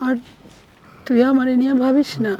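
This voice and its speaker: A woman's voice: high voice, little pitch movement, normal speed, lo-fi sound. An actress playing a feverish, aging mother-in-law who pleads in village speech, in a TV drama. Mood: resigned sorrow. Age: older. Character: sick aging mother, meek and hurt. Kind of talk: TV drama acting.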